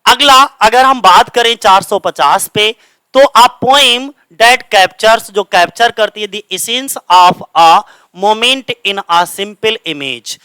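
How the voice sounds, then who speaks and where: A man's voice: high voice, very slow, pushed and bright, clean tone, no room sound, low-quality recording. A man with a Hindi accent teaching literature for exam prep at a coaching centre, asking questions and answering them himself while mixing English terms into his Hindi.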